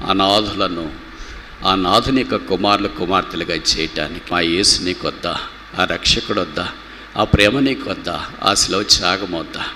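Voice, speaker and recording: A man preaching a gospel sermon with passion, swinging from loud rhetorical questions to low, slow pleading. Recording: reverberant hall with faint background noise.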